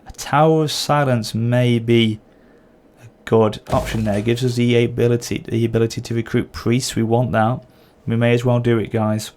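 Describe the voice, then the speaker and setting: Thinking aloud and correcting himself, a gameplay channel host gives casual commentary on a strategy game despite a sore throat and the odd cough. His voice is mid-range, slightly mellow, and level, at a normal speed.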